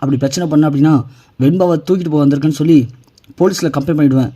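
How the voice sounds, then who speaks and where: A man's voice: a little high, steady tone, rapid-fire, mellow, natural voice. A man reading the lines of a scornful young woman who orders someone away, in his own scolding voice. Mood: threatening. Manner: scolding, bossy.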